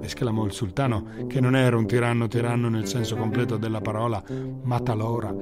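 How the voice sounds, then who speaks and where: A man reading a children's story aloud in a lively, theatrical storytelling manner. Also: mid-range voice, fairly quick. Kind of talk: scripted story narration. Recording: music bed under narration.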